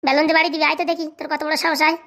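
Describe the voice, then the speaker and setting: A woman voicing a foul-mouthed, scolding village wife and mother in a comedy cartoon, cursing in a rapid, shrill way. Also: flat delivery, a bit bright. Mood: threatening.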